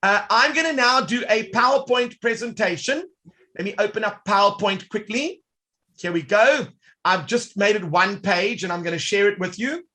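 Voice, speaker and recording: A man with a high voice and normal speed demonstrates software in a live online workshop. He's lively and theatrical, addressing viewers directly throughout.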